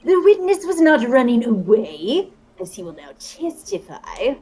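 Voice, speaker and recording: A woman voicing a stern male prosecutor with formal, measured delivery in a video game. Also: on the high side, sing-song, mellow, breathy edge, full character voice. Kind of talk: game dialogue voice-over.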